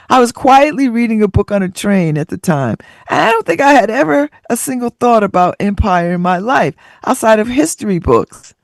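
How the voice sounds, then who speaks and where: Between listener stories she reads at a moderate pace, this radio host laughs frequently and drops lively, sassy comments. Her voice swings widely in pitch, captured in a close, dry sound without any echo.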